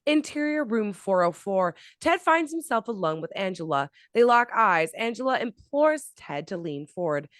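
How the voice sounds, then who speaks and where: A woman narrates the stage directions of a script at a table read. Her reading has lively pitch movement and a close, dry sound. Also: normal speed, hardly any pauses, no room sound.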